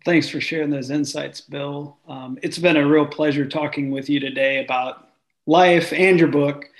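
Higher-voiced man hosting a podcast. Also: steady tone. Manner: measured, conversational questioning. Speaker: podcast host. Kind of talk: interview hosting with read promo.

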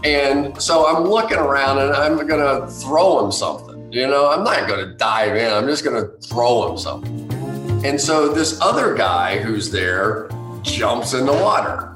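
Guy telling a wild story in an interview, animated, does everyone's voices, echoey room w faint music. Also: mid-range voice, a little slow. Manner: animated, acts out others' lines. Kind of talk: anecdotal storytelling.

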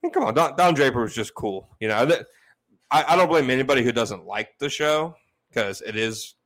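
Low-voiced man in casual podcast chat. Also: poor audio. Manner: laughs often while retelling funny scenes. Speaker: podcast co-host.

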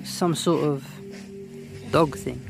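An actor playing a measured male narrator, setting the scene in scripted audio drama narration. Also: fairly high pitch, fairly even intonation, vocal fry, over music.

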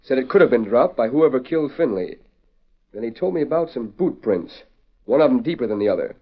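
A plainspoken frontier sheriff in an old radio western. His mid-pitched voice is folksy and wary. The recording is dull and lo-fi. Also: animated, a little fast. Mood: wary, suspicious. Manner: folksy frontier drawling slang. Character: small-town western sheriff, plainspoken and suspicious.

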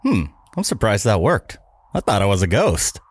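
A man's voice: on the low side, moderate pace, voice pushed down. A man playing a panicky frazzled editor. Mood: bewildered. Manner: yelping, excitable outbursts. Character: frazzled young male video editor, panicky.

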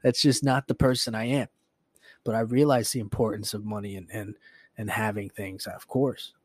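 A man's voice: fairly low pitch, flat delivery, normal speed, dry recording. A man in his late twenties hosting a solo podcast, reflecting casually in a rambling way with lots of fillers and swearing. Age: 20s. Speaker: podcast host.

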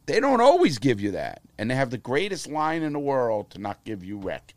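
A man in his fifties with a mid-range voice speaks at normal speed, with no echo. As an interview guest he tells blunt, profane stories in a casual, animated way.

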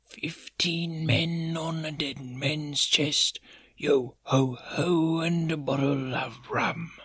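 A man voicing a high, thin, trembling ghostly pirate voice that sings and wails slowly from far off. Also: vocal fry, pushed and bright, full character voice. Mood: eerie singsong. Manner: slow drawn-out singing and wailing.

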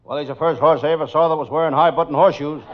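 Casting: male actor as cocky vintage radio comedy detective, fairly high male voice, punchline delivery, very noisy old recording. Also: fairly even intonation, racing, dull audio, natural voice. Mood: wry, cocky. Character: wisecracking male private detective. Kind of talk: 1940s radio comedy routine.

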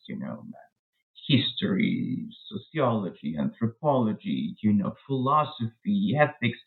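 Man on a tinny line. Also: medium pitch. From Peru. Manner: thoughtful, with frequent restarts and hedging fillers. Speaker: guest author. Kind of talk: academic interview.

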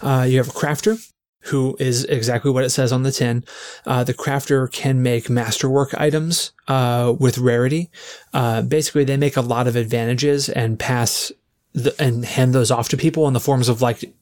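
A man, acting as game master and explaining the rules in relaxed, casual chat full of fillers. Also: mid-range voice, moderate pace.

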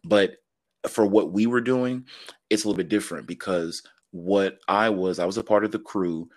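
A man in his thirties, a podcast guest, telling stories in quick, laughing, filler-heavy casual talk. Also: low voice, dry recording, clean studio sound. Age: 30s. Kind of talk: casual interview storytelling.

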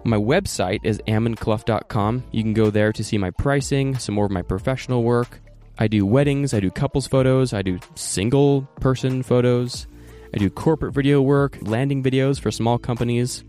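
A man hosting a podcast, talking in a relaxed, laid-back way during a casual interview. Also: medium pitch, moderate pace, faint music behind. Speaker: podcast host.

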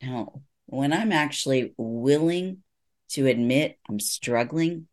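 This conversational interview features a middle-aged psychologist whose explanations are measured, earnest and reassuring. He speaks in a mid-range voice.

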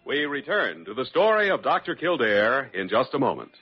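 A man's voice: mid-range voice, sing-song, moderate pace, natural voice. A man announcing a classic radio drama in a formal, scripted style. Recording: dull vintage radio recording. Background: violin and orchestral music.

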